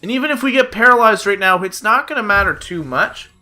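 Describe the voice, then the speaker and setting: Calling a card game play by play, this young YouTuber sounds high-pitched, animated, and sharp, speaking a little fast. A cold leaves him slightly nasal, and his chatty commentary is full of "uh." Music runs underneath.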